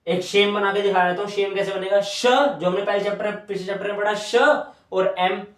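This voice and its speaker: A man's voice: sits high, flat delivery, fairly quick. A young man teaching shorthand at a whiteboard, patiently repeating each stroke aloud as he draws. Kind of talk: whiteboard lesson. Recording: echoey room, voice from a distance.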